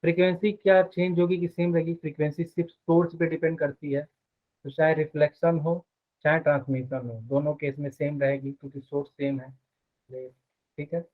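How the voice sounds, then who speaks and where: A man's voice: fairly high pitch, little pitch movement, fairly quick. A man teaching physics in a live online class. He explains step by step and keeps asking the students short questions. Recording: phone-like narrow sound.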